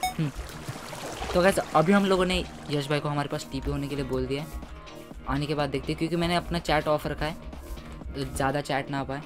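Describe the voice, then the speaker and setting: A man doing casual gameplay commentary for his gaming videos. He is chatty and excitable and keeps calling his viewers "guys". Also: fairly high pitch, fast talker, music in the background.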